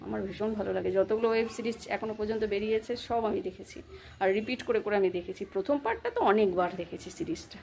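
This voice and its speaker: A woman's voice: mid-range voice, fast talker, gravelly, a little mellow. A woman in her thirties with a Bengali accent, chatting casually in a home vlog, rambling and coaxing her child while she cooks. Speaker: vlogger, mother. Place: home kitchen.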